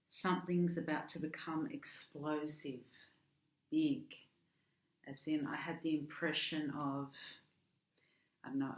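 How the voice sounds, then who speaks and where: A tarot card reader with an Australian accent and a low, darkish voice gives a casual monthly reading in an echoey room. She's hesitant, with frequent ums and restarts.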